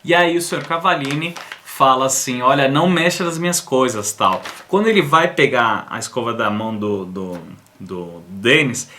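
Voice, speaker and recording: A man's voice: mid-range voice, bright, forceful tone. A man with a Brazilian accent, hosting a cartoon review and casually retelling an episode scene by scene, quoting the characters in his own plain voice. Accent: Brazilian Portuguese.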